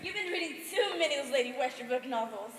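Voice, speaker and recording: A woman's voice: high-pitched, animated, fast talker, in a large hall, a crowd in the background. An actress playing a giggly, gossipy young woman in a comic audio drama. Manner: chattering, giggly, teasing. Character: gossipy young female friend.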